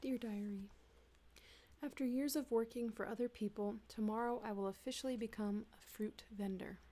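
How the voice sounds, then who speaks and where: A woman reading humorous texts aloud in a soft, hushed ASMR style, slipping in and out of whispers, close to a desktop mic at home. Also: on the high side, steady tone, normal speed. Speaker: ASMR reader. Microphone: close desktop USB mic.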